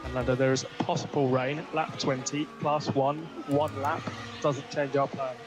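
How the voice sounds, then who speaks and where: A man as a race engineer making calm, businesslike strategy calls over team radio. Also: medium pitch, normal speed, over music. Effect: team radio from a race car.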